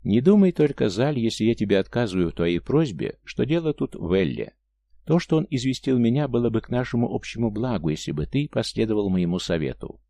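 A man's voice: mid-range voice, big pitch swings, brisk, mellow, dry recording. A man voicing a tender, proud, free-spirited Martian woman in an audiobook, speaking earnestly. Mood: pleading.

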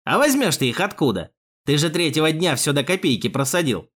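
A man's voice: a little high, big pitch swings, fairly quick, husky, full character voice. A man voicing a mocking, crude male police thug with a jeering manner in an audiobook. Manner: jeering, sneering, loud.

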